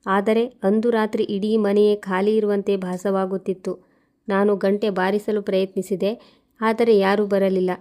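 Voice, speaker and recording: Brief: female storyteller, mellow voice with a smooth, clear tone, steady scripted narration. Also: mid-range voice.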